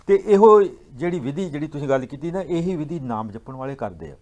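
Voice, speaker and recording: Slightly high-voiced man explaining scripture. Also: lively intonation, darkish tone. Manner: patient and teaching, slows down to recite verses. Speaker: guest speaker on Sikh scripture. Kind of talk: explanatory religious talk.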